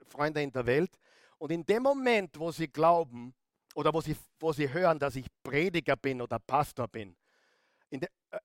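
Man, pastor, rousing sermon, asks the crowd questions, slightly high voice, dry close sound. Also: no echo. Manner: rousing, questions the congregation, dramatic pauses.

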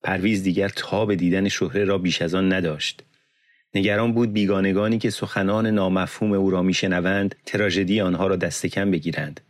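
A man narrating an audiobook in a measured, solemn reading on a close studio mic. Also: low voice, little pitch movement, no room sound. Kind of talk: scripted narration.

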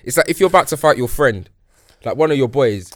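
Give me a young London man with a medium-pitched voice, recorded dry, casually reasoning something out in slang. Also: animated, brisk, fairly bright tone, no room sound. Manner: slangy, searching for words. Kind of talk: casual chat among friends.

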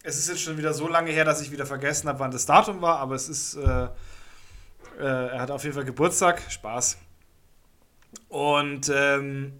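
A man's voice: medium pitch, steady tone, normal speed, bright, forceful tone. A man co-hosting a casual podcast, rambling and correcting himself with wry humor. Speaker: podcast co-host.

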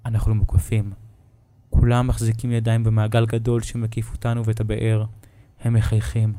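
Man narrating a horror story in a dark voice. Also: on the low side, dry recording. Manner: steady, measured first-person storytelling.

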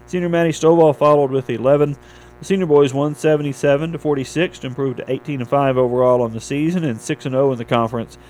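A male radio anchor delivers a scripted local newscast at a middling pitch. He reads like a small-station morning host covering sports and weather, with noticeable hum and noise behind him. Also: a little mellow, poor audio. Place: radio studio.

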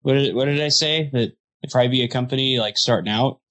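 Quick-paced and fairly bright, this mid-range voice belongs to a man in his thirties who co-hosts a casual podcast. He keeps the chat joking, wisecracking with dry humor.

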